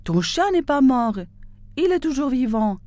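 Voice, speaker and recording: A woman voicing an impatient, quick-tempered male traveler in a spoken fairy tale, exclaiming his lines. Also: big pitch swings, dark tone, no echo. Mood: surprised. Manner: exclaiming, raised and higher than her narration.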